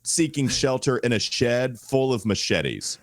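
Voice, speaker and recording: Feeling unwell, this male co-host of a sports podcast keeps his strained voice quiet and restrained while chatting casually, his tone wryly and exaggeratedly gloomy. His mid-range voice is unhurried and swings widely in pitch. The audio is studio quality with no room sound.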